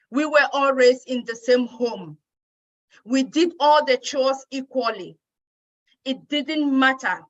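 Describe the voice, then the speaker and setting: A woman's voice: fairly high pitch, a bit bright, lo-fi sound. A woman from Cameroon giving an earnest, grateful personal speech at a women's day event.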